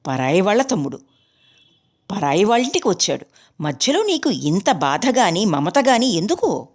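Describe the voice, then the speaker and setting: A woman's voice: mid-range voice, sing-song, moderate pace. A woman voicing a stubborn, irritated husband in a storybook reading. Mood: grudging. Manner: grudging, sharp.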